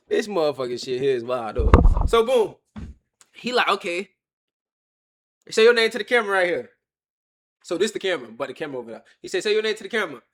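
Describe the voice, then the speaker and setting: A young man tells a story straight to his live chat. His voice sits high and sounds bright and forceful. He jumps into the other people's lines as he goes, animated and loose. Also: moderate pace, pauses often, a little hiss or hum. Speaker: streamer telling a story. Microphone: webcam or phone on a stand.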